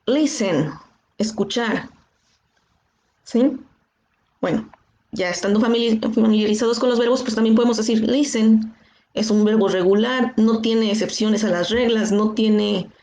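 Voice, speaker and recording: A woman's voice: on the high side, normal speed, darkish tone, echoey room. Mexican woman teaching English grammar. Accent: Mexican Spanish. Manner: patient, checks understanding with frequent "¿sí?". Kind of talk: online class explanation.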